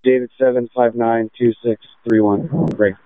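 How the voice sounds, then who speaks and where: A police officer calling in over a two-way radio, giving clipped code words and spelling names out phonetically. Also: male voice, medium pitch, little pitch movement, moderate pace, no echo. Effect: heard over a two-way radio. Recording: tinny dry radio transmission.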